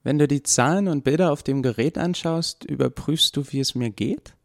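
A man's voice: fairly high pitch, moderate pace, creaky, pitched above the performer's own voice. A man voicing a curious, blunt young woman in hospital who asks direct, puzzled questions.

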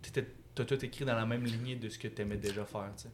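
A man's voice: medium pitch, steady tone, quick pace, slight background noise. A young man with a Quebec French accent chatting casually as a comedian guest, in loose colloquial slang. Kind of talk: casual podcast chat.

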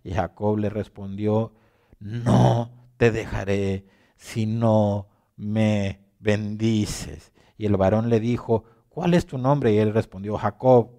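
A man preaching a sermon, reading scripture aloud and repeating phrases as he swings between quiet and loud passages. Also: lowish voice.

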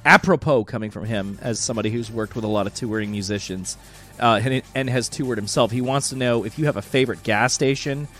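A man's voice: mid-range voice, a little fast, fairly bright tone, soft background music. A man hosting a casual talk show, enthusiastic and swearing freely as he reads out listener questions. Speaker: host. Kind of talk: casual chat.

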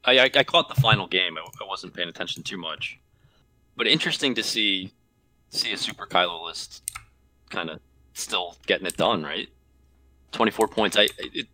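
A man's voice: low voice, bright, forceful tone, dry recording, rough recording. A man co-hosting a podcast, talking casually and repeating himself as he explains things. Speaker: podcast co-host. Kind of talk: casual chat.

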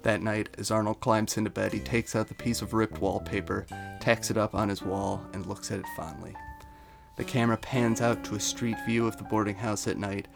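Guy reading out his fan episode pitch, lowish voice, music going behind him. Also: fairly even intonation, brisk, gravelly. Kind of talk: reading a written episode pitch, then casual chat.

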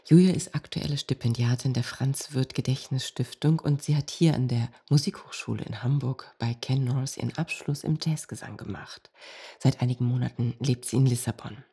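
Husky-voiced woman hosting a podcast. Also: very deep voice, moderate pace, mellow. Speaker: podcast host. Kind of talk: cultural podcast interview.

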